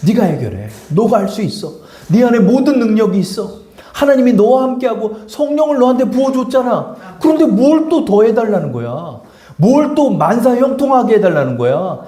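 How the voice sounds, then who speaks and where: A man's voice: sits high, big pitch swings, normal speed, mellow, echoey room. A man voicing God as a firm, fatherly male figure in a sermon, speaking in blunt, scolding casual talk.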